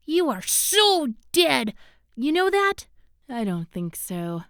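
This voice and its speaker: A woman voicing a bossy, confident witch in an animated series, brisk and sassy with a commanding manner. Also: sits high, dry recording, studio quality, heavily acted. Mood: taunting, threatening. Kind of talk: animated web series voice acting.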